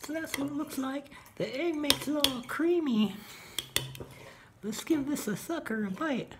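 A woman with a very high voice chats casually and folksily while eating soup, as a mukbang host. Cutlery and dishes clink clearly in the noisy home recording. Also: unhurried. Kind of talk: casual food vlog chat.

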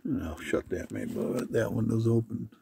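Man, low mellow voice, camping vlog, matter-of-fact, phone in a camper, faint rain noise behind. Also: a little fast, creaky. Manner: plain, matter-of-fact, rambling asides. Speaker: camping vlogger. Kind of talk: casual camping video diary. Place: inside a camper, rain outside.

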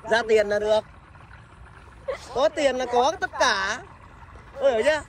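A man's voice: very high-pitched, measured pace, far from the mic. A man voicing an arrogant, rich male skeleton who taunts his ex-lover and brags about money, in a fan audio drama. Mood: sneering. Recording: noisy homemade recording.

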